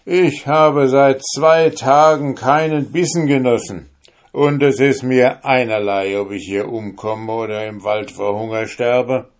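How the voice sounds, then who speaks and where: A man voicing a bold, hungry soldier in a fairy tale, loud and boisterous. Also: mid-range voice, fairly even intonation, a little slow, voice pushed up, close to an everyday voice. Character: bold hungry male soldier, cheeky and fearless.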